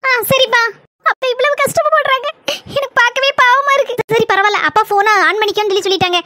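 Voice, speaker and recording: A woman's voice: very high voice, fast, background noise. A woman with a Kanyakumari Tamil accent voicing an obedient, chatty young daughter in a cartoon. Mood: chirpy. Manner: meek replies, excited chatter. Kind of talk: cartoon voice acting.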